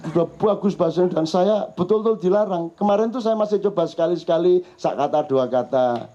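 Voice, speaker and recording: Joking Javanese man, high voice. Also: brisk, warm tone. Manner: joking, teasing, chatty. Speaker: speaker at a public discussion forum. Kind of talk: humorous storytelling to a live audience. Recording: muffled lo-fi live recording.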